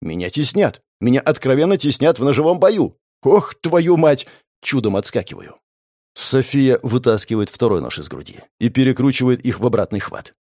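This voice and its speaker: A man's voice: mid-range voice, sing-song, brisk, a little mellow, dry recording, clean studio sound. A man reading a first-person audiobook in a tense, gritty storytelling manner. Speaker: audiobook narrator.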